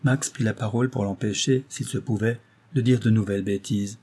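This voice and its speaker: A man reading a classic novel aloud as an audiobook narrator, steady and literary. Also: lowish voice, a little fast, husky. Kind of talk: scripted narration.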